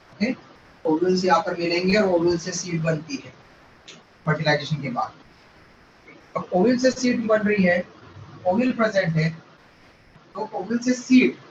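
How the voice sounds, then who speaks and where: Male teacher lecturing, high voice, keeps asking ok?, mixes in english terms, far off mic, echoey dull sound. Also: fairly bright tone, slight background noise. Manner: explains step by step, checking with "ok?". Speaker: biology teacher. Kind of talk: classroom lecture. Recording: roomy, distant, dull sound.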